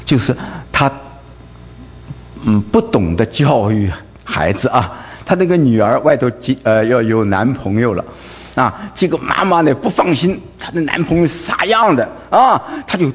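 A man's voice: mid-range voice, big pitch swings, moderate pace, breathy edge. A man with a Wu-delivering a sermon, firing off rhetorical questions tagged with "right?" and stammering over repeated fillers. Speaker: preacher. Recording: long hall reverb.

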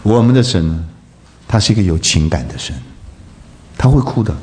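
A male preacher giving a sermon, throwing rhetorical questions at the congregation and swinging between loud bursts and soft asides. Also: on the low side, expressive, normal speed, a little hiss or hum.

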